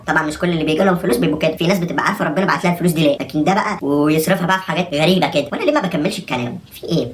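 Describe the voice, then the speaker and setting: Rapid-fire ranting young Egyptian man. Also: fairly high pitch, fairly bright tone, slight background noise. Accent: Egyptian Arabic. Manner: exasperated, sarcastic ranting. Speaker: vlogger. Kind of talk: comedic rant to camera.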